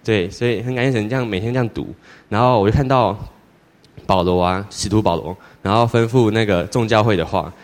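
A teenage boy giving a church testimony in a rambling, halting way, with many restarts. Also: on the low side. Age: teens. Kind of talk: personal testimony. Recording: long hall reverb.

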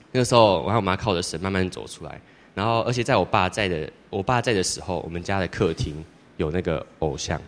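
A teenage boy giving a church testimony in a rambling, halting way, with many restarts. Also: sits low. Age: teens. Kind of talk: personal testimony. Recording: long hall reverb.

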